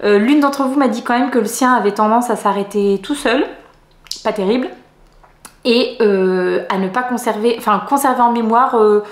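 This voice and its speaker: A middle-aged woman from France chatting in a casual knitting vlog, rambling with many hesitations and soft laughs. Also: fairly high pitch, moderate pace, roomy sound. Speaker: knitting vlogger.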